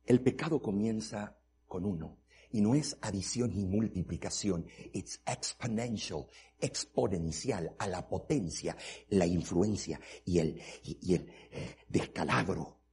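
A male pastor preaching a sermon, mixing Spanish and English, moving from quiet storytelling to loud, fervent preaching. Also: sits low, measured pace, slight background noise. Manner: switches between Spanish and English.

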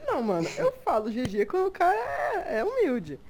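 A young adult with a Brazilian Portuguese accent chatting casually in slang, telling stories in an animated way and acting out quotes. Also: high-pitched, a little fast, slight background noise. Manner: animated storyteller, acts out quotes.

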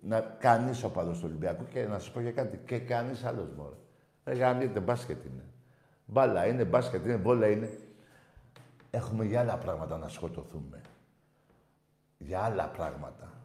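A man's voice: fairly low pitch, lively intonation, long pauses, a little mellow, echoey room. A man hosting a casual phone-in show, talking in a brash, profane way. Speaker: call-in show host.

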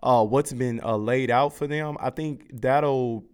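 Young man, American accent, resonant clean voice, medium pitch, casual radio interviewer, encouraging, slangy. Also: unhurried, clear, resonant tone. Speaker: interviewer, campus radio host. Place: radio studio.

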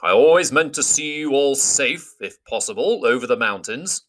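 Old storybook wizard, wise and commanding, raised bright tone, as a narrator puts him on. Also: male voice, medium pitch, lively intonation, normal speed, voice pushed up, close to an everyday voice. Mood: grave. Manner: grand, formal speech.

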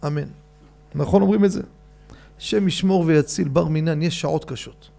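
A man giving a rabbi's storytelling sermon, animated and addressing his audience directly. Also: fairly high pitch, creaky, faint music behind.

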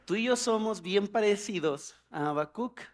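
A man preaching a sermon as a pastor, animated, with humorous asides and pleading prayers acted out in a higher voice. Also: normal speed.

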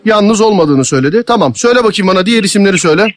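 A man's voice: high voice, expressive, very fast, no echo, studio quality, a faint crowd. A man making a prank phone call, posing as a stern official who scolds and talks over the person he has called.

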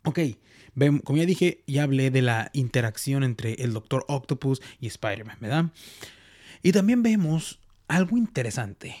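A man's voice: mid-range voice, animated, measured pace, a little mellow. A man hosting a podcast, casually breaking down a movie trailer in a playful, rambling way. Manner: chatty, playful, rambling with repetitions. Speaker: podcast host.

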